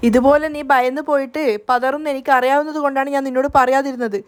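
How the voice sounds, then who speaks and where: A woman reading out a steady, gentle young man in a spoken story recap. The voice stays high and light and speaks softly to comfort someone. It keeps an even, reassuring manner. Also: fast talker, lightly acted.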